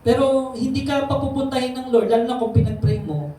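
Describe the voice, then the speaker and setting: A man's voice: extremely high pitch, brisk, mellow, soft background music. A man preaching a sermon as pastor, talking conversationally and often asking the congregation questions. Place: church hall. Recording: very echoey hall, distant mic, faint noise.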